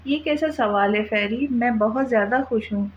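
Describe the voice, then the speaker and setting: A woman voicing a doting, gentle young husband in a storybook reading, tender and coaxing. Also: fairly high pitch, normal speed, lo-fi sound, slight background noise, lightly acted.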